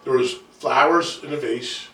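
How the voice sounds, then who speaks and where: A man hosting a podcast, telling quick, lively stories in casual interview chat. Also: medium pitch, roomy sound, distant mic. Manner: quick, energetic storyteller. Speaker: podcast host.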